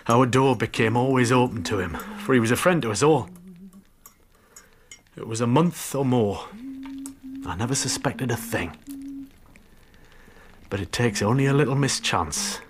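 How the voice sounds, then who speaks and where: In a radio drama, an actor with a mid-range voice plays a bitter, jealous, hard-drinking husband confessing to murder. He speaks unhurriedly with long pauses, brooding through the lightly acted, confessional telling until it breaks into confrontation, over background noise.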